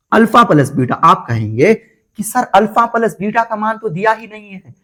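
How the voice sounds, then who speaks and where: A man with a somewhat high voice teaches an online math class. He works through a problem step by step, asks the students a question at nearly every turn and answers it himself. He repeats key points in a coaxing way. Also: a bit bright. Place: online class, voice over board writing.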